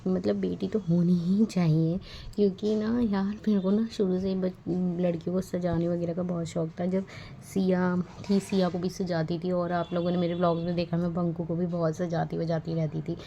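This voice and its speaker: Chatty young mom, low-pitched voice. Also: female voice, little pitch movement, moderate pace, vocal fry, muffled recording, slight background noise. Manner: chatty and affectionate, soft-spoken while babies sleep. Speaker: vlogger, mother of twins. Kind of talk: casual home vlog chat. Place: home.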